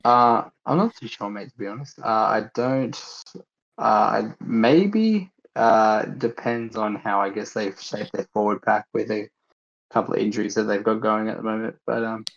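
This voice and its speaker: Low-voiced Australian man, slightly muffled. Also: moderate pace. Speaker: podcast guest. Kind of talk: casual sports podcast chat. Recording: slightly dull, lo-fi audio.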